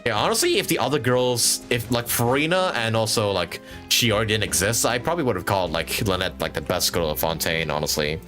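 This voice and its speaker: A man's voice: fairly low pitch, lively intonation, brisk, hardly any pauses, fairly bright tone, soft background music. A young man live-streaming a game, reacting with jokes, laughter and swearing. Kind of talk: casual live-stream commentary.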